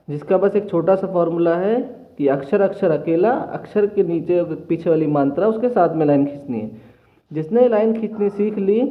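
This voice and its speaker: A man teaching reading to children in a patient classroom manner, often repeating himself and sounding out letters slowly. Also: sits high. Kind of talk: classroom lesson. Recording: tinny phone-like audio. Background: children nearby.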